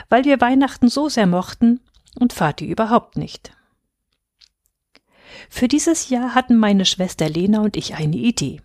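A woman reading a children's Christmas story aloud in a gentle, expressive storytelling manner. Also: medium pitch, no echo, studio quality. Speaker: reader.

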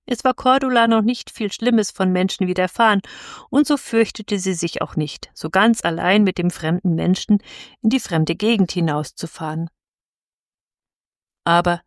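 A woman calmly reading a classic children's story aloud as narrator, in a measured storytelling manner. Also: medium pitch, no room sound, studio quality.

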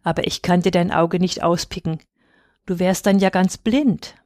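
A softhearted male swallow, voiced by a woman reading a storybook. He speaks earnestly and with affection, and the sound is dry and close to the mic. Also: on the low side, steady tone, moderate pace, no echo, natural voice.

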